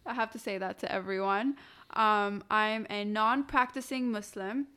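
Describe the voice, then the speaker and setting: A woman's voice: mid-range voice, steady tone, moderate pace, bright, forceful tone, clean tone. A woman from Iraq and Oman, co-hosting a casual podcast chat in a playful, teasing way. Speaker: podcast co-host.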